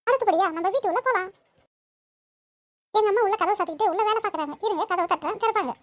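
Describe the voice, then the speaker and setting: Cheeky cartoon girl vlogger, very high, fast patter, actor-voiced. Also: no room sound, studio quality. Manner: chatty, boastful. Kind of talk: comic home-tour vlog narration.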